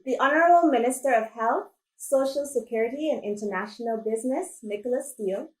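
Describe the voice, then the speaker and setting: A woman's voice: on the high side, a little fast, reverberant, low-quality recording. A woman from Barbados, the graduating class speaker, reading a formal speech of thanks.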